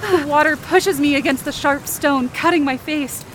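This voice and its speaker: A writer and performer of a scripted fiction podcast delivers intense, theatrical first-person narration in short, dramatic sentences. She has a high voice and a moderate pace, with background noise audible.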